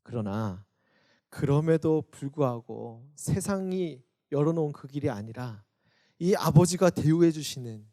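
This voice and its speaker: In a mid-range voice, a male youth pastor delivers a Sunday sermon for an online service. When quoting others, he acts out their voices, swelling loud and then softening.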